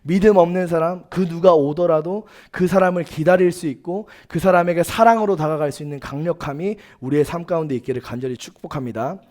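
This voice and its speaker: A man's voice: on the high side, brisk, hardly any pauses, a little mellow. A young man preaching a sermon as youth pastor, earnest and emphatic, telling personal stories with quoted dialogue. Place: church sanctuary.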